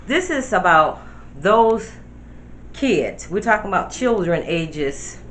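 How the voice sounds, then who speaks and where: A woman's voice: fairly low pitch, sing-song, slow pace, a bit bright, a little hiss or hum. A woman in her fifties, a grandmother talking casually to the camera at home, chatty and rambling and speaking straight to her viewers. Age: 50s. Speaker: grandmother vlogger.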